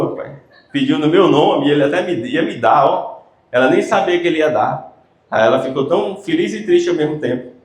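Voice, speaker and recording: A man giving a conversational lecture to teachers, often asking the audience rhetorical questions. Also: fairly high pitch. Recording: roomy hall sound.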